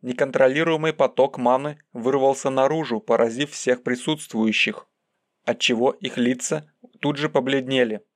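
A man narrating an audiobook in a calm, measured reading voice. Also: mid-range voice, dry recording, clean studio sound.

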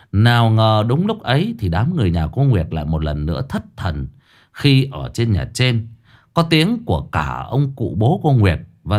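A man narrating a humorous ghost story in a brisk, lively storytelling manner. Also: lowish voice.

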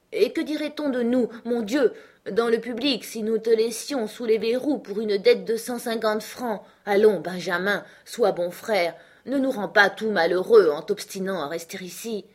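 A woman's voice: medium pitch, lightly acted. A woman voicing a devoted elder sister and mother of a family, pleading with reproachful questions. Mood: coaxing.

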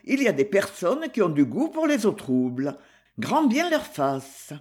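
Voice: mid-range voice, very animated, unhurried. A reader doing an indignant old colonel. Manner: clipped and indignant. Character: stern old male colonel, quick to anger. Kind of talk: audiobook character reading.

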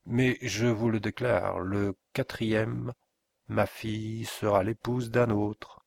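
A man's voice: fairly low pitch, steady tone, slow pace, gravelly, heavily acted. A man voicing a stern, angry older forest inspector and father in an audiobook, talking in an indignant, threatening way. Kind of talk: audiobook character voice.

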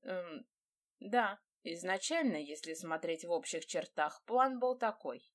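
A woman voicing a brooding male dark lord who talks in curt, growling lines in an audiobook. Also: lowish voice, lively intonation, a little slow. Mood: guarded.

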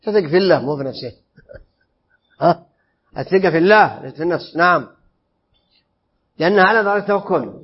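A man with a fairly high voice teaches a classroom religious lesson. He explains each phrase and keeps checking his listeners with quick questions. The recording sounds dull and lo-fi. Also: expressive, breathy edge. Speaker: Islamic creed teacher.

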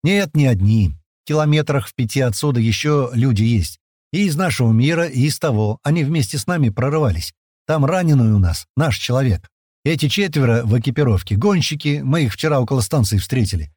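A plain, matter-of-fact man lays out the situation, voiced by an audiobook narrator. His pitch stays lively, recorded close and dry. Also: brisk, no echo, close to an everyday voice. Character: calm man explaining the situation.

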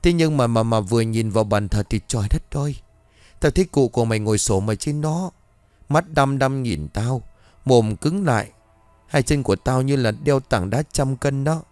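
A man's voice: mid-range voice, moderate pace, a little mellow, dry recording, soft background music, natural voice. A man voicing a stern, scolding old mistress. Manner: scolding, bossy.

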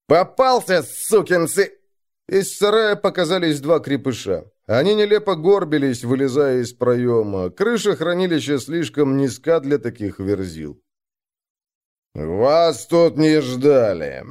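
A man narrating a dark first-person adventure story, slowing down and raising his voice for the shouted lines of other characters. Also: mid-range voice.

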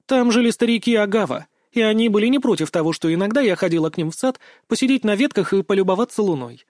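A man's voice: high-pitched, expressive, quick pace, darkish tone, dry recording, clean studio sound, voice pushed up. Man voicing a curt, guarded young woman. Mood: reminiscing. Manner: terse, reluctant replies.

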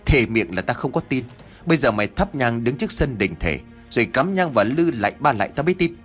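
Casting: coarse, bullying villager voiced by a man, loud and scolding. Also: mid-range voice, very animated, brisk, soft background music. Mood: stern. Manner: blunt, scolding. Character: gruff, harsh village man accusing.

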